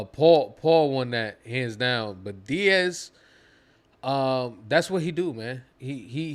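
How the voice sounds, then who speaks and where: A man co-hosting a casual live-stream chat, laid-back and swearing freely as he talks. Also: mid-range voice. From United States. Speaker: podcast co-host.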